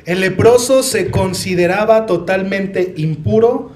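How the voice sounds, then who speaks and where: A man's voice: high voice, measured pace, a little mellow. A young man preaching a sermon in a Mexican Spanish accent, earnest and personal, often asking the congregation questions.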